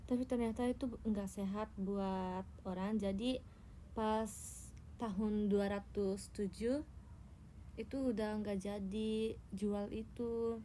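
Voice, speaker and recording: At a medium pitch, a young Indonesian woman streams on her phone as an idol, playfully teasing viewers and making up tall tales. She speaks slowly and steadily with frequent pauses, in a mellow tone with slight background noise.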